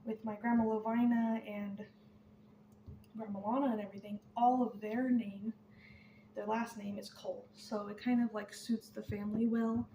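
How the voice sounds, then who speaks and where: A young woman talking candidly to camera, rambling and trailing off softly, a little out of breath. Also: mid-range voice, level tone, normal speed, roomy sound, a little hiss or hum. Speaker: vlogger. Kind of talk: casual chat to camera.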